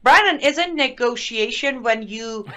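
A woman's voice: fairly high pitch, animated, a little slow, a bit bright. Indignant woman, English her second language. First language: not English. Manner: indignant, emphatic, sarcastic asides. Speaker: guest. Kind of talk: political commentary interview.

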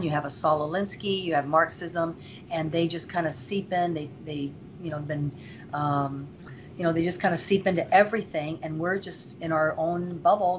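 A woman's voice: on the low side, noisy background. A woman from Venezuela, a guest on an interview show, talking earnestly and reflectively, on dull lo-fi audio. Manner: earnest, faith-driven, reflective. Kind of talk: interview talk. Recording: dull lo-fi audio with faint ambience.

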